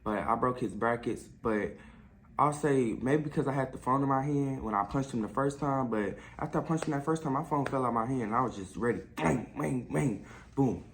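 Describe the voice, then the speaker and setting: A man's voice: mid-range voice, fairly quick, fairly bright tone, slight background noise. A teenage boy vlogging a storytime monologue, casual and slangy, acting out punches with sound effects. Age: teens. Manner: slangy, casual street speech.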